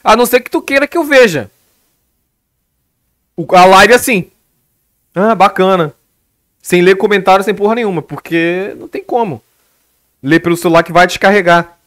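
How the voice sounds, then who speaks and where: On a live stream, a young Brazilian man rants casually through a story, swearing nonstop and talking animatedly into his headset. His voice sits high and a little bright, with a moderate pace and long pauses. The recording is dry and clean, like a studio, and he has a Brazilian Portuguese accent.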